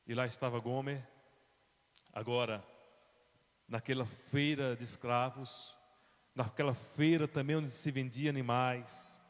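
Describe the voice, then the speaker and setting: A man with a Brazilian accent, a pastor telling a Bible story in a sermon, dramatic, moving from quiet to loud. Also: medium pitch, steady tone, a little slow, long pauses. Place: church. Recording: long church reverb.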